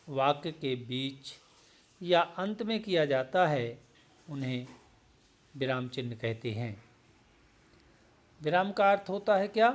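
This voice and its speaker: A middle-aged man from India, a teacher giving a grammar lesson, speaking slowly and deliberately in short phrases. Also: fairly high pitch.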